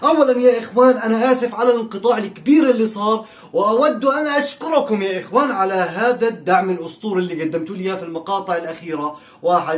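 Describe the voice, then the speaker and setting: A man reacting to a football match, excitable and exclaiming, often laughing and teasing. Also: high voice.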